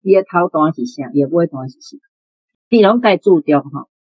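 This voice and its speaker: As guest or presenter on a radio programme, a Taiwanese-accented woman explains literature unscripted, her low, slightly rough voice expressive at normal speed. The sound is lo-fi with no room sound.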